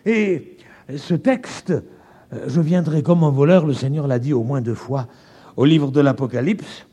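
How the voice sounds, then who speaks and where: A man's voice: a little slow, husky. A man from France preaching a sermon in a French accent, stressing key words emphatically and stretching them out. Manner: emphatic, stretching key words, wide swings in pitch and loudness.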